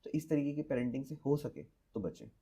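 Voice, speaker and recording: A man's voice: mid-range voice, animated, brisk, warm tone, husky. A man, a teacher giving earnest advice as a podcast guest and mixing English phrases into his Hindi.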